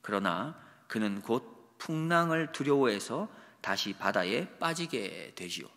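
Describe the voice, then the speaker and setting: A man who is a pastor, giving a morning devotional sermon in a steady, explanatory way and asking the listeners rhetorical questions. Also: medium pitch, measured pace. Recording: long reverb of a large hall.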